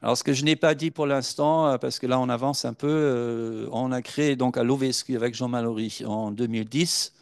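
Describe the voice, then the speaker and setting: A man's voice: mid-range voice, steady tone, fairly quick, creaky, hardly any pauses, no room sound, studio quality. A man giving a university conference talk from slides, hesitant and full of filler sounds as he tells anecdotes. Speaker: lecturer.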